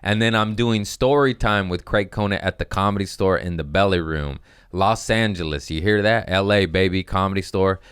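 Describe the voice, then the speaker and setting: This podcast host, a comedian, has a clear, resonant, low-pitched voice captured with studio quality and no echo. Loose and crude, he wanders from point to point, pokes fun at himself, and restarts sentences he breaks off partway through.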